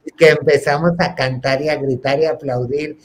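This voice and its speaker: Campy high-voiced Mexican man gossiping. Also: steady tone, a little fast, slight background noise. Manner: campy, gossipy, addresses listeners as sisters; acts out friends' voices in quotes. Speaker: host. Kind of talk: comic gossip storytelling.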